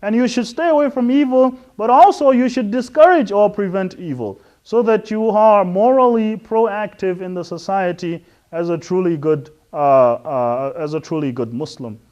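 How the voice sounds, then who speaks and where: Earnest and methodical, this middle-aged West African man delivers an introductory religious talk as an Islamic lecturer. His voice is high-pitched and a little mellow, with many pauses and restarts.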